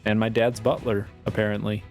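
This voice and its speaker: A man's voice: fairly low pitch, flat delivery, fairly quick. A man giving casual, jokey, irreverent gameplay commentary. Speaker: gamer playing on camera or stream. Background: game music.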